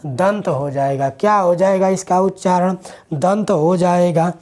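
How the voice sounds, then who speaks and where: A man's voice: sits high, a little slow, a little mellow. A male teacher, giving a classroom grammar lecture to students. He asks questions and answers them himself, repeating the key words.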